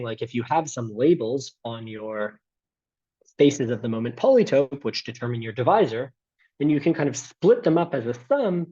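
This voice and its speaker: An American man gives a mathematics seminar talk in a gravelly, slightly husky voice. He hedges and restarts often, working through ideas aloud. The recording sounds dull and lo-fi. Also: mid-range voice, darkish tone. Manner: hesitant, many fillers and restarts. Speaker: seminar speaker. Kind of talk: academic math lecture.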